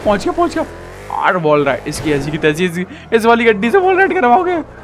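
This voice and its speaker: A man giving excited live commentary on a racing game, shouting at the game and joking with his viewers. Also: sits high, brisk, soft background music. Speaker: gaming YouTuber.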